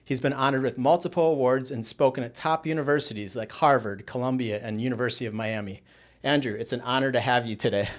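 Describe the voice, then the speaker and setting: A man hosts an interview podcast, reading a guest's credentials and then chatting in a friendly, upbeat manner. His voice sits at an ordinary middle pitch for a man, and his delivery is casual and conversational. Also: quick pace. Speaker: podcast host.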